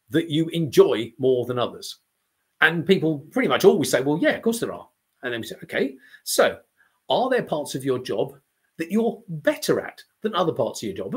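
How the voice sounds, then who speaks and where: A middle-aged man, teaching as a communication trainer and telling a story with acted-out reactions. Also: on the high side. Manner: animated storyteller, acts out imagined reactions. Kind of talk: lecture-style talk to camera.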